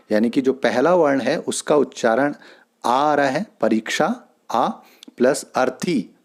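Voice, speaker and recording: A man's voice: mid-range voice, a little mellow. A man teaching a grammar lesson, explaining each rule step by step and repeating worked examples.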